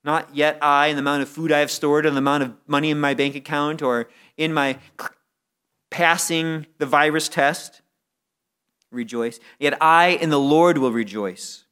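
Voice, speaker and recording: A man preaching in an earnest, steady way, with a voice that sits a little high for a man. He tends to repeat a word or two before pressing on, and he leans into key phrases. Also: moderate pace, clear, resonant tone. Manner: earnest, repeats words when stuck, rises in intensity on key phrases. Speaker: pastor. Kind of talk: sermon.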